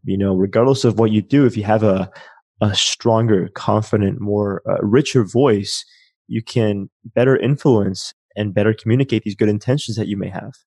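A man's voice: fairly low pitch, a little mellow, slightly rough, dry recording. A man hosting an interview podcast, asking reflective questions about the voice and building on the guest's points. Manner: thoughtful, asks reflective questions. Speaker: podcast host. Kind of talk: interview conversation.

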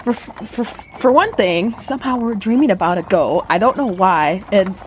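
A woman plays a vain popular girl in a tabletop game, whining and gossiping as if to a diary. Her mid-pitched voice is huffy and casual, with some noise behind it. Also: expressive, normal speed, lightly acted. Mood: huffy, gossipy. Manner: whiny, huffy, valley-girl filler talk. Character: vain, sassy popular party girl griping to a video diary.

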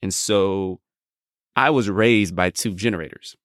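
A man co-hosting a podcast, with a very low voice that is smooth and resonant. He explains calmly and reflectively in relaxed chat, heard dry and close with no room echo. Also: a little slow. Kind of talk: casual chat.

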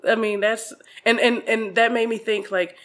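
A woman who does stand-up comedy, chatting casually on a podcast in a playful, animated way. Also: a little high, normal speed. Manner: animated, laughs often, playful.

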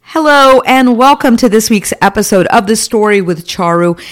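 A woman's voice: on the high side, lively intonation, normal speed. Enthusiastic woman podcast host. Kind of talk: podcast interview.

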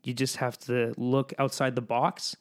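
A man hosting his own solo podcast, a musician ranting bluntly about the music business and then softening into reassurance. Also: mid-range voice, level tone, a little slow. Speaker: podcast host.

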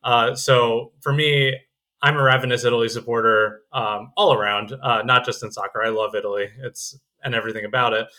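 A young man with an American accent chats casually as a guest on a podcast. His voice is bright and forward, at a middle pitch, and he often stops on a filler as he thinks. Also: fairly even intonation, brisk. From United States. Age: young adult. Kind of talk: casual chat.

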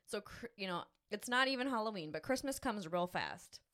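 A woman's voice: medium pitch, lively intonation, normal speed, fairly bright tone. A woman co-hosting a casual family podcast as a mother, talking in a playful, teasing and encouraging way.

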